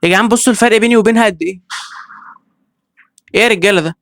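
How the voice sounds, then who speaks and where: A man with an Egyptian accent giving excitable let's-play commentary, reacting with quick exclamations and talking straight to his viewers. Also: high-pitched, creaky, no echo. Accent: Egyptian Arabic. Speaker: gaming video creator.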